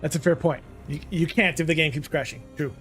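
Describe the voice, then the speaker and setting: A man's voice: a little high, fairly quick, a bit bright, faint music behind. Laid-back man gaming with a friend. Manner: laid-back, trailing off, swears, laughs. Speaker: co-op gaming partner. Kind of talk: casual gaming chat.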